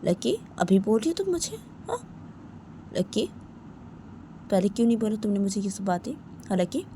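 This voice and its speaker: A woman's voice: mid-range voice, very animated, normal speed, dark tone, slight background noise, voice pushed up, natural voice. A woman voicing a protective young man who questions his partner insistently and tells her not to cry. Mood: accusing. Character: protective young man, stern then consoling.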